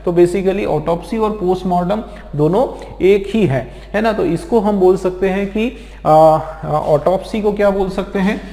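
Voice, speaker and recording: A male vocabulary teacher from India lectures with patient, repetitive explanations, checking in with his students again and again. His voice sits somewhat high for a man. The recording carries a roomy echo with a long reverb tail. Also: dark tone. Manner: explains slowly with many repeated check-ins. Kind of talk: exam-prep lecture. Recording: echoey room with long reverb.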